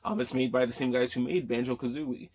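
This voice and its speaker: A man's voice: mid-range voice, steady tone, fairly quick, darkish tone. Rambling man with a cracking voice. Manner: rambling, many fillers and restarts, swears casually. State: voice cracking after being sick. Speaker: gaming vlogger. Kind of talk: casual chat.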